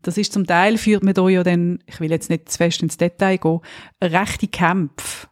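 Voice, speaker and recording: A woman with a Swiss German accent, co-hosting a podcast and telling stories in a lively, ironic way. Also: on the low side, moderate pace, no echo, clean studio sound. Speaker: podcast co-host. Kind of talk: casual podcast chat.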